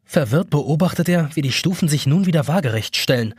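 Husky animated male audiobook narrator. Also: on the high side, a little fast, no room sound, studio quality. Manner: expressive, animated storytelling. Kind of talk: scripted narration.

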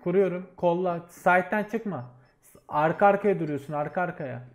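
A man leading his team, shouting quick commanding callouts during a match. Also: sits high. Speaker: team leader and streamer. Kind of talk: live game commentary and callouts.

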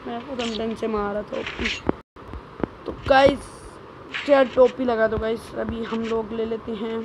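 A woman streamer giving excited gameplay commentary, teasing teammates and shouting quick calls. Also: on the high side. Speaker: gaming streamer. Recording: noisy game stream audio.

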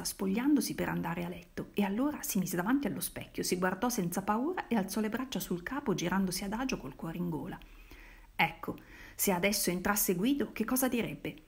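A woman's voice: mid-range voice, darkish tone. A woman reading a literary novel aloud, changing her voice for the characters' lines. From Italy.

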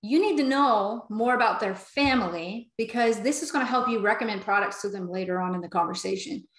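A woman's voice: medium pitch, brisk. Upbeat woman teaching sales chat, acts out little back and forth convos, roomy echo. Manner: lively and conversational, acts out both sides of sample chats. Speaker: network marketing trainer. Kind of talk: upbeat training talk.

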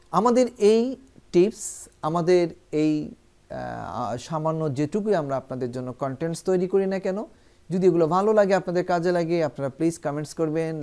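Lively-pitched teacher addressing viewers. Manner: explains step by step, then reads English example sentences slowly and carefully; addresses viewers directly and often. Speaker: English teacher. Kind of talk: spoken English lesson for viewers.

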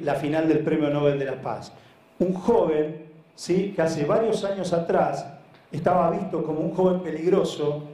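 With a fairly high pitch but a dark tone, a Buenos Aires man who heads a social sports foundation presents informally at a conference, telling stories. Earnest and emphatic, he frequently repeats words and checks in with listeners, recorded live in an echoey room.

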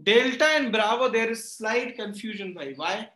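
A man's voice: high voice, normal speed, sharp tone. A man with a North Indian accent teaching an interactive lesson, mixing Hindi phrases into English and often checking that students follow. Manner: repeatedly checks understanding with short questions. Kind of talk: interactive online reasoning lesson. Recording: roomy echo on the voice.

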